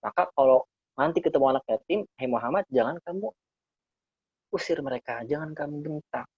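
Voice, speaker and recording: A man gives a conversational Quran lesson and unpacks Arabic verses line by line, often repeating himself for emphasis. His voice is somewhat husky and sits dry and close. The recording is slightly dull and lo-fi. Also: on the high side, no room sound. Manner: explains Arabic verses phrase by phrase, repeating key words; addresses listeners as friends, relaxed and conversational. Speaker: Islamic teacher. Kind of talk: casual Quran study talk.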